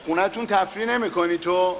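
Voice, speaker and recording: A man's voice: high-pitched, in a large hall, a little hiss or hum. An actor playing a stubborn, blunt man who refuses to take anything in trust. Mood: dismissive. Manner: blunt, dismissive.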